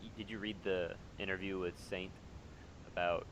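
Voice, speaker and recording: Low man on a glitchy, lagging call. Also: little pitch movement, normal speed, noisy background. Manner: hesitant, filler-heavy talk. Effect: voice breaking up over a laggy online call. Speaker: podcast co-host. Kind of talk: casual esports chat.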